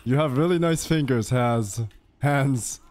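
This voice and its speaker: There's slight background noise as a young man streams a game from his home, speaking at a measured pace in a medium-pitched voice. Close to a boom-arm studio mic, he chats casually with his group in voice chat, teasing them in a playful, jumpy, animated way.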